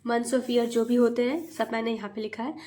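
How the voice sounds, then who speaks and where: A woman with a slightly high, warm voice, a mother and tutor hosting her own channel, leads a teaching video aimed at parents. Her delivery is flat, yet she patiently walks through each step and spells words out letter by letter in a slow, sing-song rhythm.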